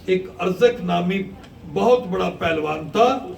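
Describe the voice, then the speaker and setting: High, gravelly male preacher in an echoing hall. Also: recorded from a distance, a crowd in the background. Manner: impassioned storytelling, rising to shouted lament. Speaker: cleric. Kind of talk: mourning sermon recitation. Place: large mosque hall. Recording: echoey hall recording from afar, faint hiss.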